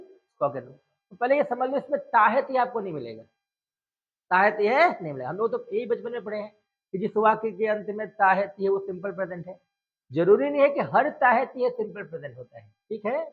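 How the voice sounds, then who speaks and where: A man teaching a grammar lesson, quizzing his listeners and then answering his own questions in a low murmur. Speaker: English teacher. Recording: tinny phone-like audio.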